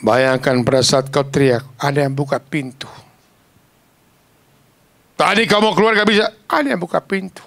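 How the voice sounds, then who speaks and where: A man preaching a sermon, telling stories in a lively, casual, slangy way and acting out the voices of the people in them. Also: fairly high pitch, normal speed, gravelly, long pauses. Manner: animated, acts out quoted voices.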